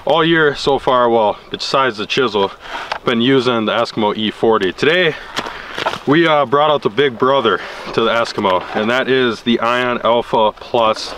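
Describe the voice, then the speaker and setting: A young man narrates an outdoor vlog in a laid-back, wry manner, his voice at an ordinary middle pitch. Clear outdoor noise runs under his speech. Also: normal speed. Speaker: vlog co-host. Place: outdoors on a frozen lake.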